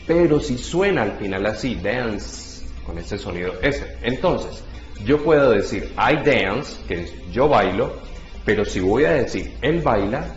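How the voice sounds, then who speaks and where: Guy teaching english step by step, slow careful examples, roomy echo, little bit of music behind. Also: mid-range voice, muffled recording. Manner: methodical, spells out each example slowly. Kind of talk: language lesson explanation.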